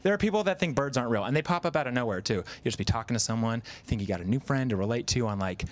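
A man's voice: medium pitch, animated, very fast. A man in his thirties performing stand-up comedy on stage, chatty and self-deprecating, acting out quoted voices. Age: 30s. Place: live comedy venue with audience.

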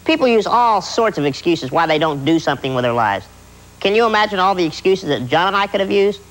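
A man's voice: high voice, very animated, brisk, a bit bright, poor audio. A young man giving an earnest motivational testimonial. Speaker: testimonial guest. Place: indoors, seated on a sofa.

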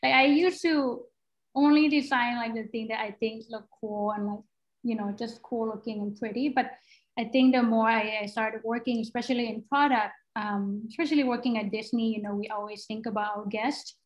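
A woman's voice: fairly high pitch, steady tone, normal speed, lo-fi sound. A young woman from Thailand, a guest product designer, answering questions casually on a video call, thinking aloud with fillers and restarts. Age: young adult. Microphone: laptop mic on a video call.

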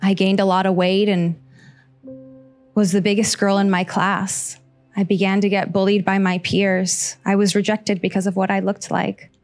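On a small stage facing a seated crowd, a woman from Costa Rica in her 30s shares a heartfelt personal story through a handheld mic, faint music in the background. Her voice is medium in pitch and level in tone, and her pacing is slow and earnest with pauses.

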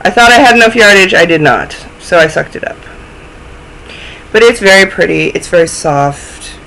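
A woman's voice: lowish voice, animated, moderate pace, creaky, sharp tone, low-quality recording. A young woman hosting a knitting podcast from home, chatting casually to a webcam with a stuffy, snuffly voice and self-deprecating asides. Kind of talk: casual chat to camera. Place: small room at home, indoors.

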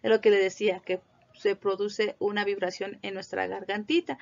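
A woman teaching English pronunciation in a patient, slow way, repeating words for students to echo. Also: mid-range voice, flat delivery, vocal fry, darkish tone. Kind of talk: classroom video lesson on pronunciation. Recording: muffled lo-fi recording.

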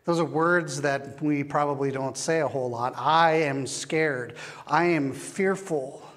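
A man preaching a sermon as pastor, slow and measured with long pauses, recorded in a church. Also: on the high side, fairly bright tone. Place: church sanctuary. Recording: long church hall reverb.

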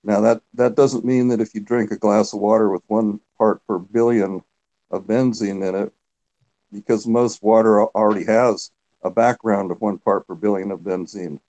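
Man, guest on video call, low voice, warm dark tone, plain explanations. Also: fairly even intonation, moderate pace, rough recording. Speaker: guest, former geologist.

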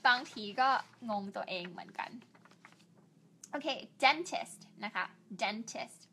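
A woman's voice: on the high side, expressive, bright, forceful tone, husky. A young woman teaching an English lesson, drawing out each English word and chatting in a friendly, self-deprecating way. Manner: slow, drawn-out English words with repeated Thai polite particles; chatty and self-deprecating, asks viewers for help. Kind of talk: bilingual online English lesson.

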